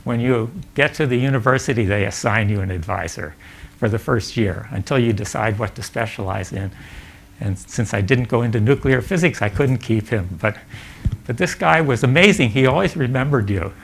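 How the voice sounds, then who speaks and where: An older man giving a physics lecture at a summer school, halting and full of fillers and restarts. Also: medium pitch, gravelly, slight background noise. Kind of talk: academic lecture. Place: lecture hall.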